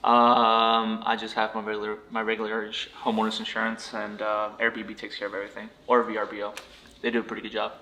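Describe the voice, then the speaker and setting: A man answering interview questions as a guest in a laid-back, brief, halting way. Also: lowish voice, completely flat delivery, bright, forceful tone, slight background noise. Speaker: guest, rental property investor.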